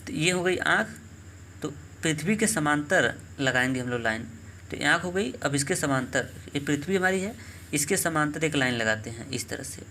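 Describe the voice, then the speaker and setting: A male math teacher with a bright, forceful voice pitched slightly high, talking through a lesson step by step. He drills key terms by repeating them slowly and keeps checking in with quick questions, over a faint hum in the background. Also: animated. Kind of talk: classroom lesson explaining geometry.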